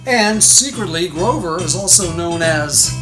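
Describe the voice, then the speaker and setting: Woman doing Batman, gruff and boastful. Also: expressive, measured pace, over music, low-quality recording. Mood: gruff boasting. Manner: gruff, low, mock-heroic. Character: boastful male superhero, gruff and overconfident. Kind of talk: storybook read-aloud for children.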